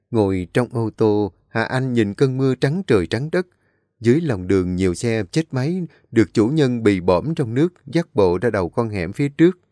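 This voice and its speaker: A man narrating a story in a steady, even storytelling manner. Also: on the low side, dry recording, studio quality. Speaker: audiobook narrator. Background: faint background music.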